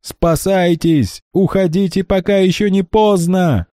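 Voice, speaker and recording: A man voicing an eager, excitable male accomplice in an audiobook reading. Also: fairly low pitch, normal speed, no room sound, clean studio sound, pitched above the performer's own voice. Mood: urgent.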